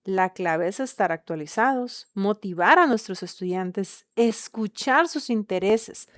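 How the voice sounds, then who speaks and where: A woman hosting a podcast, reading a measured and persuasive script. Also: medium pitch, lively intonation, no room sound. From Mexico. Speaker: podcast host. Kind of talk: scripted narration.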